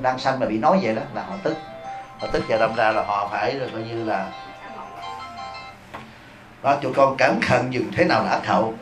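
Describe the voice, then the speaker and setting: Monk preaching with humor. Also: male voice, mid-range voice. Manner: humorous, teasing, addresses the audience. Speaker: Buddhist monk and abbot giving a dharma talk. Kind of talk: lively sermon. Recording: echoey hall.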